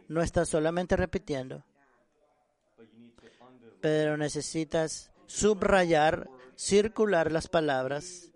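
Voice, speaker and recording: Earnest higher-voiced male preacher. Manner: earnest, halting, repeats and restarts words. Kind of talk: sermon on prayer.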